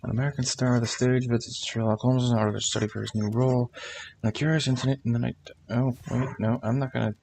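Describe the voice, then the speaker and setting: A man's voice: medium pitch, flat delivery, quick pace, gravelly, darkish tone, slight background noise. A man giving casual, sweary game commentary in grumbling, muttered asides. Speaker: gaming streamer.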